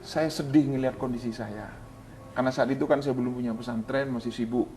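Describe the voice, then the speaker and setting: A man who is an Islamic preacher, giving an earnest spiritual testimony in an interview, pleading and moving between hushed and raised speech. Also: medium pitch, fairly even intonation, fairly quick, faint music behind.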